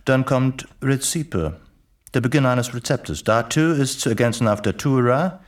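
The slightly distant recording of a German radio play features a man as an eccentric, erudite English reporter and secret agent. His natural mid-range voice moves a little slowly with lively intonation, and he lectures in an urbane, sardonic way, savoring his learning.

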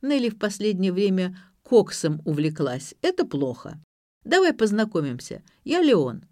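A sinister man speaks gently but gives orders and never raises his voice, as a woman reader puts him on. His level tone carries quiet control, and the recording is dry and close. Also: mid-range voice, very animated, moderate pace, dry recording, lightly acted. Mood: coolly commanding. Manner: soft, controlling commands. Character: calm, menacing man on the phone.

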